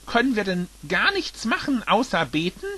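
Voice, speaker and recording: Dude doing a bossy loud kid, yells orders, sharp bright voice. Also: male voice, sits high, big pitch swings, moderate pace, pitched above the performer's own voice, exaggerated voice. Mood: impatient. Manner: shouting, bossy.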